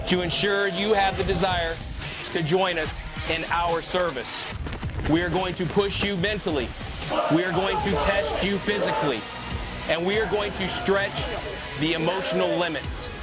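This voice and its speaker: An American man with a high-pitched voice plays a military instructor, giving recruits a formal motivational speech in stern, commanding drill sergeant phrases. The recording is rough, with loud music playing over his words.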